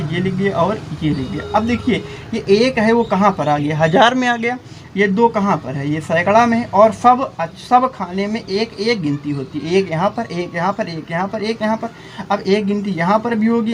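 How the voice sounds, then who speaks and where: A man with a fairly high voice talks a class through a math rule step by step. He keeps asking rhetorical questions and tags his points with a quick "okay". A faint hum of room noise sits under his voice. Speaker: teacher. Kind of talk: explaining math to students.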